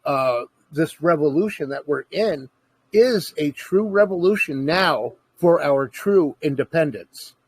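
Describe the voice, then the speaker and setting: A man's voice: a little high, lively intonation, unhurried, slightly rough, no room sound. A man in casual conversation, earnestly explaining his views at length in a lecturing way.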